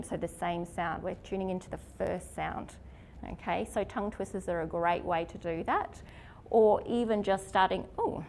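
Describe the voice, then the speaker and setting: A literacy teacher leads an informal workshop in a chatty way, constantly asking her audience questions and checking in with lots of "okay?" and "isn't it?". Her voice is mid-range, and there's a little hiss or hum.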